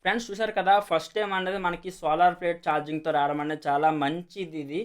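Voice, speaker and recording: A man's fairly high, clear and resonant voice moves fast in a steady tone, with a Telugu accent. In a casual video he explains and demonstrates a product, repeating himself and blending in many English words.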